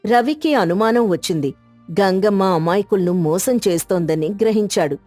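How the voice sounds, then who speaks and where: A woman giving steady, scripted storybook narration. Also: mid-range voice, moderate pace, no room sound, faint music behind.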